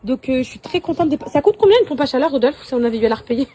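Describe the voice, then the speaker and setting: A woman's voice: high voice, lively intonation, racing, dark tone, a little hiss or hum. A young woman and mother chatting casually to her followers on a phone story from her kitchen and garden, bubbly and gushing. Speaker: lifestyle influencer and mother. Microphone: handheld phone.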